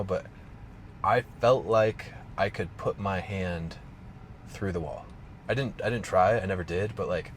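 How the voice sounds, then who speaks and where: A man with a low, deep voice tells a personal story in an unscripted, rambling way, leaning on "like" and restarting his sentences. He sounds like a coach talking straight to camera. A faint hum of room noise sits behind him. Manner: casual, rambling, heavy use of "like". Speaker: strength coach.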